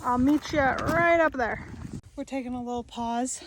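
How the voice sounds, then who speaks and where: High-voiced American woman in roaring wind. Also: moderate pace. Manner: chatty, talks cheerfully to her dog. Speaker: vlogger. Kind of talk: casual outdoor vlog narration. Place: outdoors on windy desert hills. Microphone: handheld phone. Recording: loud wind buffeting phone mic.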